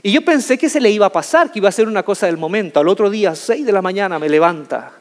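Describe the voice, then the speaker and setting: High-voiced man storytelling in a hall. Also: fast talker. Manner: animated, jokey, draws out key words. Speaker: motivational speaker. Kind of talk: humorous storytelling talk to an audience. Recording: reverberant hall.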